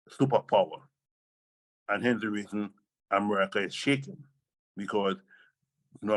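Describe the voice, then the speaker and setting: A man's voice: lowish voice, a bit bright, no echo, low-quality recording. An older man speaking as a Rastafari elder, reasoning in Rasta speech with an emphatic, repetitive, oratorical delivery. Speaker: Rastafari elder being interviewed.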